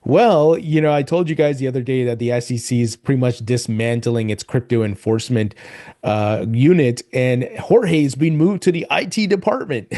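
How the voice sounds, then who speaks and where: A man's voice: mid-range voice, normal speed, warm tone. A man hosting a crypto news show, talking casually and upbeat to his viewers and often calling them "guys". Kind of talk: casual commentary to camera.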